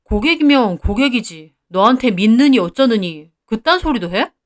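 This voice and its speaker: A woman's voice: on the high side, animated, moderate pace, natural voice. A woman voicing a jealous, moody young man who is the narrator's fiancé, curt and sulky, in read-aloud story dialogue.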